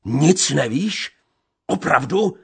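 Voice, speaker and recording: A man voicing a wild, jealous young Romani man who shouts fierce accusations. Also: a little high, animated, vocal fry, husky, voice pushed up, exaggerated voice. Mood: furious. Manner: loud, fierce accusing outbursts.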